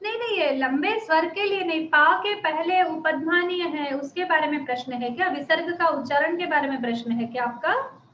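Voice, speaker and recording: A woman's voice: sits high, a bit bright, roomy sound, lo-fi sound, slight background noise. A woman teaching a Sanskrit class online, explaining patiently and often checking that students follow. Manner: patient, explains slowly, often asks "ठीक है?".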